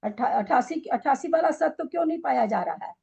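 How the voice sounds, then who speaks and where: A woman's voice: high-pitched, animated, brisk, vocal fry, darkish tone. A woman teaching a scripture study class, quizzing and scolding her students with pointed questions.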